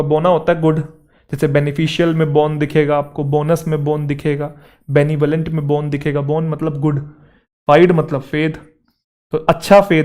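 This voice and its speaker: Man, vocabulary teacher, fairly high voice, explains and checks understanding. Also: darkish tone. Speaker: English teacher for exam students. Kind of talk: vocabulary lesson.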